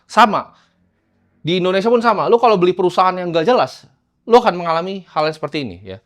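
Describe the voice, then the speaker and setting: Man, fairly high voice, casual investing teacher, chops lines into short bursts. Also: lively intonation, fast talker, fairly bright tone. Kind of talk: casual lecture over slides.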